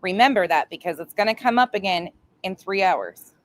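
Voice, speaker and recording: A woman's voice: mid-range voice, expressive, a little fast, no room sound. A woman hosts a casual livestream from home and chats with her viewers. She teases, mocks and swears freely as she talks. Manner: chatty, mocking, swears freely. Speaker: livestream host.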